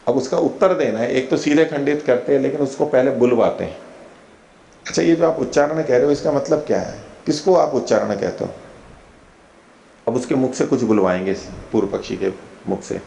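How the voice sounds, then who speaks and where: A man teaching a scripture lecture, slowly reciting verses and then explaining them in plain talk. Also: medium pitch, vocal fry, mellow. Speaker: teacher of Indian philosophy. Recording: echoey room, faint background noise.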